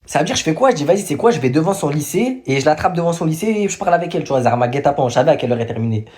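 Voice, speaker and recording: Fast-talking young man with a cold. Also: on the high side, animated, darkish tone. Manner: fast slangy storytelling, laughing at himself. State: stuffy with a cold. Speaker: vlogger. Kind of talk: casual storytime.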